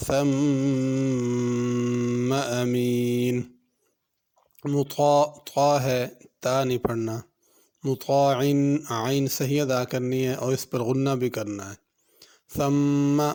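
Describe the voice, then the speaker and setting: A man teaching Quran tajweed in Urdu. He recites verses slowly and drawn out, then explains how to say each letter. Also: mid-range voice, a little mellow. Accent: Pakistani Urdu. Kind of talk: tajweed lesson with slow recitation.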